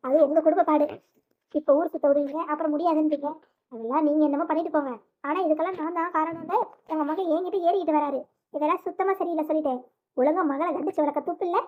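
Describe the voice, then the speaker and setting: Someone doing a snippy sarcastic sister-in-law, fast high voice, tinny. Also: natural voice. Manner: taunting, sarcastic. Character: sharp-tongued, quarrelsome young sister-in-law. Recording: tinny phone-like sound.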